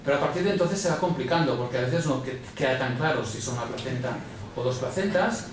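A man's voice: medium pitch, fast talker, a little hiss or hum. A man giving a medical conference lecture, explaining slides and often repeating words as he thinks. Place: large lecture hall. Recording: echoey hall from far off.

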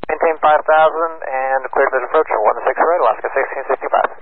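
A man speaking as an airline pilot, reading clearances back over an aircraft radio with static. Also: mid-range voice, brisk. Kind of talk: radio readbacks to air traffic control. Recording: narrow radio band with faint static.

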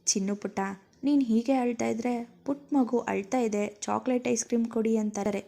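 A kind young husband who coaxes and teases softly, talking in a quick, easy patter, as a woman storyteller puts him on. The voice is warm and mellow, sitting a little high. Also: fairly even intonation, vocal fry. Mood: coaxing. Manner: soothing, coaxing, quick. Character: gentle teasing young husband.

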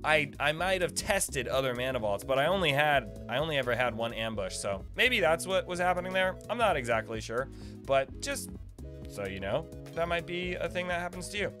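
This video game streamer, a man in his thirties, chats casually and playfully to himself and his game at a desk in a small indoor space, close on a boom-arm mic. The voice runs on the high side, sing-song, pushed and bright at a moderate pace, with soft music in the background.

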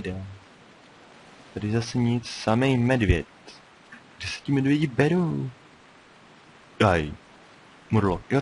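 A man's voice: fairly low pitch, darkish tone, rough recording. A young man giving casual, chatty commentary while playing a game, often muttering to himself. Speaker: gameplay commentator. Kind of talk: casual let's-play commentary. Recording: faint hiss.

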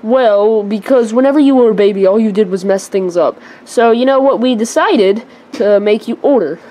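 A girl voicing an excitable older brother who rambles, full of fillers and restarts. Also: medium pitch, normal speed, natural voice, poor audio. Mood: chatty.

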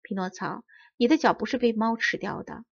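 A woman voicing a poor, gentle old father who speaks softly through tears. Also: a little high, brisk, gravelly, slightly rough, highs cut off. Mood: tearful. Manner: soft, tearful.

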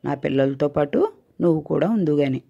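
A woman's voice: sits low, animated, brisk, vocal fry, mellow, breathy edge, exaggerated voice. A woman voicing a kind mother cat who speaks in a soothing, reassuring way. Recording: dull lo-fi recording.

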